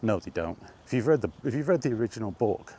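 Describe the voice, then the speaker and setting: Out on a walk, a vlogger rambles through a casual monologue, correcting himself and growing exasperated as he presses his point. His lowish voice is expressive, fast, mellow and slightly rough.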